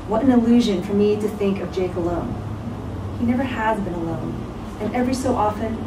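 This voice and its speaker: A woman reading a written tribute aloud in a solemn, measured way, with deliberate pauses between phrases. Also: medium pitch. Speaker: speaker at a memorial, giving a tribute. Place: reading aloud in a roomy venue. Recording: roomy echo, distant mic, clear background noise.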